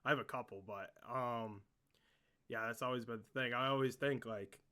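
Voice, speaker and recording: A man hosting a casual interview podcast, excitable and joking, swearing often as he asks questions. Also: mid-range voice, normal speed, clean tone.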